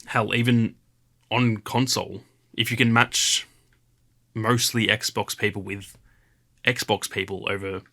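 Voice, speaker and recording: Bright-voiced casual gaming podcast man. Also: lowish voice, takes it slowly, gravelly, pauses often. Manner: rambling, filler-heavy, animated retelling. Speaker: podcast co-host. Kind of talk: casual chat.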